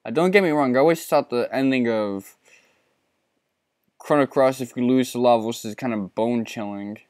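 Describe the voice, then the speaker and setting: Male let's player, 30s, casual and self-mocking, crisp and close, no room sound. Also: mid-range voice, moderate pace, a little mellow, no room sound. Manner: laid-back, profane and self-mocking. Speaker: let's play host. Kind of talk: casual gameplay commentary.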